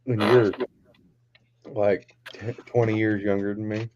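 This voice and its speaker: A man in his late twenties hosts a casual chat-show podcast, joking and swearing freely with his friends. His voice is on the low side, with a level tone and a slightly slow pace. The sound is dull and lo-fi, with faint noise.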